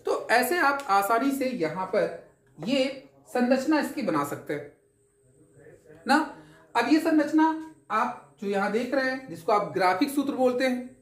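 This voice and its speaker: In an echoey classroom, a woman teaching chemistry lectures at a measured pace with lively intonation and a fairly high voice. She works through the material patiently, one step at a time, answers her own questions, and checks often that the class is keeping up.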